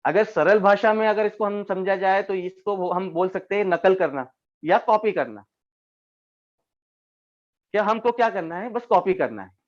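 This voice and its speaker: A man with a high voice leads a training session over a video call and explains each point patiently, turning to his listeners as friends again and again. The audio sounds dull and lo-fi. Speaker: network marketing trainer. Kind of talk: online training talk.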